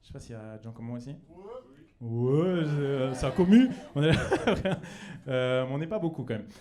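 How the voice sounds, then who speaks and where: This young man talks fast, with a medium-pitched, expressive voice, as he performs stand-up in a comedy club. Fillers and restarts run all through his loose, chatty delivery, and he breaks into silly voices as the crowd laughs.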